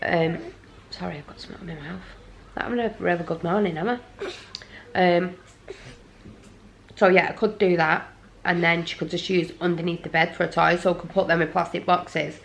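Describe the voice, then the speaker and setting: A woman's voice: fairly low pitch, fairly even intonation, moderate pace, gravelly, long pauses, fairly bright tone. A tired woman rambling apologetically in a casual home vlog. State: exhausted. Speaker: parent vlogger. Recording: noisy home recording.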